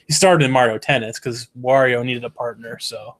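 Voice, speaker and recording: A man's voice: medium pitch, steady tone, moderate pace. A man co-hosting a casual web show, talking in a loose, rambling way. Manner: rambling, trails off with fillers. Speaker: co-host. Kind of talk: casual chat.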